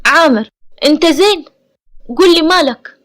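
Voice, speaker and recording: A woman's voice: sits high, fast, fairly bright tone. A woman with an Egyptian accent reading the part of an emotional young wife, speaking in a pleading tone. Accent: Egyptian Arabic.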